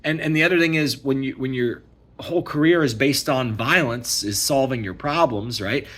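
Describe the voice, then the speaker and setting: A man's voice: medium pitch, normal speed, fairly bright tone. A man giving a casual, emphatic ranting monologue, repeating himself and asking "okay?" often. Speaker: vlogger.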